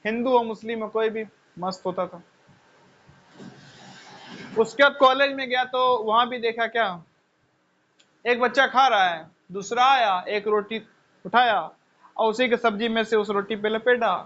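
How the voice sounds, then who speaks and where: Guy lecturing, high bright voice, lots of rhetorical questions, kinda dull lo-fi sound. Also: unhurried, long pauses. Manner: conversational, rhetorical questions, repeats phrases. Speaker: teacher. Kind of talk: lecture with personal stories.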